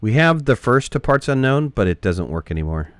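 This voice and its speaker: A man's voice: mid-range voice, very animated, brisk, no echo. A man chatting casually with his viewers while he streams a game, joking around and answering chat.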